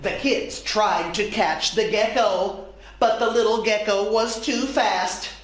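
Woman teacher, children's story time, very slow clear reading, echoey room. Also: medium pitch.

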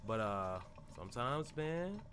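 A man's voice: medium pitch, sing-song, slow pace, fairly bright tone, slight background noise. A young man streaming a video game, chatting casually in a rambling, jokey way. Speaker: gaming streamer. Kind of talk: casual gameplay commentary.

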